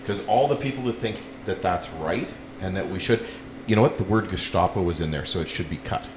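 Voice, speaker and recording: A man on a casual podcast makes his points emphatically and jumps into the conversation. His voice is fairly low. The room is echoey, with noticeable noise underneath. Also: fairly quick. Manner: emphatic, interjecting. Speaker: podcast co-host. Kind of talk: casual chat.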